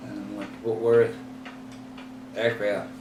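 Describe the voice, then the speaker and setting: Reminiscing in a recorded interview, a Texan man in his eighties speaks slowly and haltingly, wandering off with many fillers and self-corrections. His voice is fairly low and level. The roomy, distant mic lets clear background noise through.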